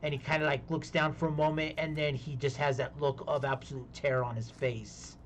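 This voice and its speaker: A man with a fairly high voice chats loosely while he plays a game on stream. He rambles from one topic to the next and laughs often. A faint hiss runs underneath. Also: level tone, fairly quick. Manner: rambling, chatty, laughs easily. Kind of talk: casual gaming chat.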